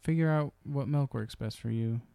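A man's voice: medium pitch, moderate pace, creaky, mellow, dry recording. A man co-hosting a podcast in casual chat, laid-back and agreeable. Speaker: podcast co-host.

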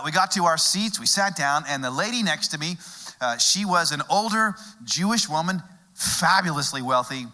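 A middle-aged male pastor from Texas, preaching a sermon through a humorous story told with dramatic pauses. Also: on the high side, sharp tone.

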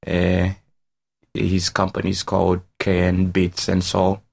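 Tired Ugandan man, deep and gravelly, unhurried. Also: monotone, darkish tone. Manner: tired, unhurried, many "you know"s. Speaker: musician guest. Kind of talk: casual interview.

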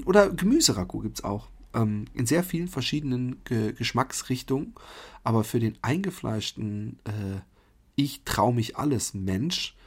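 A man's voice: mid-range voice, creaky, breathy edge. A man from Germany hosting a podcast, talking in a chatty, rambling monologue full of fillers and restarts. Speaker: podcast host. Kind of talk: casual monologue.

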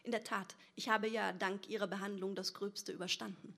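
A woman's voice: mid-range voice, little pitch movement, a little fast, vocal fry, a bit bright. A woman voicing a stern, proper middle-aged father who speaks formally and hisses impatient rebukes. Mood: stiff, formal.

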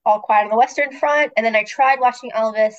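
A woman's voice: on the high side, a little fast, dull audio. A woman co-hosting a movie podcast, a little congested from a cold, chatting frankly with fillers. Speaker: podcast co-host. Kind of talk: casual podcast chat.

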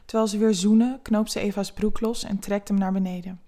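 A woman narrates an erotic story in a soft, close, intimate voice. She reads unhurried and even, with a medium pitch, keeping the tone gentle throughout.

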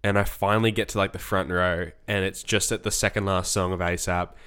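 A young man, co-hosting a podcast, telling an excited story in casual chat and acting out what people said. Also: low voice, brisk, clean tone. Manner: excited storytelling, acts out quotes. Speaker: podcast co-host.

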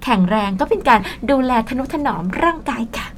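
A woman co-hosting a bilingual English lesson show, speaking with a Thai accent in a fairly high voice. She explains each point in Thai, slips in English words and laughs easily. A faint hiss sits under her voice. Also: lively intonation, fairly quick.

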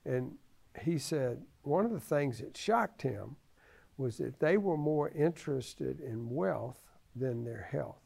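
A man in his seventies gives conversational religious teaching in a halting way, repeating phrases for emphasis. His creaky voice is medium in pitch, expressive and mellow.

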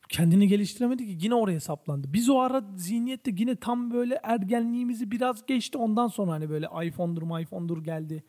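High-pitched yet mellow, this podcast host is a young man from Turkey in his twenties who rants in a casual, exasperated way, swearing frequently.

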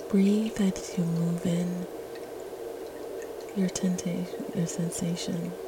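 Lady whispering a guided meditation, soft spa whisper, gentle and really even, loud water sounds all around. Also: fairly low pitch, takes it slowly, very noisy. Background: running and dripping water ambience.

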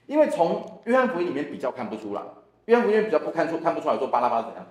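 Animated man teaching Bible class. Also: fairly high pitch, racing. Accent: Taiwanese Mandarin. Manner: animated, acts out the dialogue of the people in the passage. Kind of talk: Bible study lecture. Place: church classroom. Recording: echoey room.

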